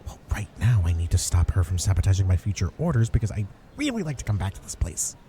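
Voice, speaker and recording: A man plays an earnest yet sarcastic superhero griping at a cafe in a comedic ASMR roleplay, warning the listener directly with grudging, wry concern. His low, dark voice moves quickly in a sing-song manner over slight background noise.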